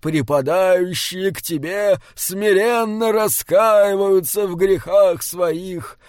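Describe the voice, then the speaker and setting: A man voicing a stubborn, plaintive old bishop who prays slowly and imploringly in an audiobook. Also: sits high, no room sound, clean studio sound, pitched above the performer's own voice. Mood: pleading prayer. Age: older. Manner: slow, imploring prayer.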